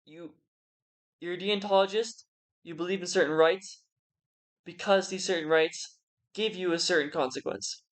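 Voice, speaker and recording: Someone drunk, rambling casually through an argument in halting phrases that trail off. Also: mid-range voice. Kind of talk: casual rambling philosophical monologue.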